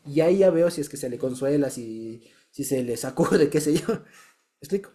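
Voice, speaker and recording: A man's voice: a little high, animated, normal speed, mellow. A man sharing a personal testimony in a small Bible study group, chatty and repeating himself, often checking that listeners follow.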